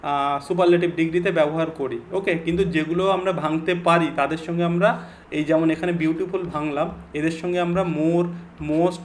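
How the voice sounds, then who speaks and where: A young male English grammar teacher with a Bengali accent, explaining an online exam-prep lesson and reading English example sentences slowly and deliberately. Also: a little high, fairly even intonation, slight background noise.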